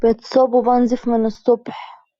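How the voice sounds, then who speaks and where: A woman's voice: a little high, level tone, moderate pace, warm tone, dry recording, lo-fi sound, close to an everyday voice. A woman with an Egyptian accent voicing a wounded man on the run who pleads urgently for help. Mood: urgent pleading. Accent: Egyptian Arabic.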